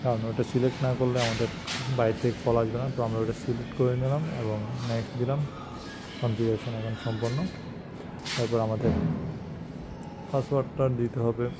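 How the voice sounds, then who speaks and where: Over loud music and vehicle-like background noise, an installer with a medium-pitched, level voice explains a how-to off the cuff. He talks a bit fast with long pauses and mixes English technical words into plain directions.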